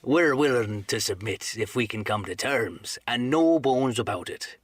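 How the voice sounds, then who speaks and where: A man's voice: medium pitch, lively intonation, a little slow, breathy edge, no room sound, studio quality. A man voicing a sly, cheery, folksy pirate captain in an audiobook, with a colloquial, wheedling manner. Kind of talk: audiobook character acting.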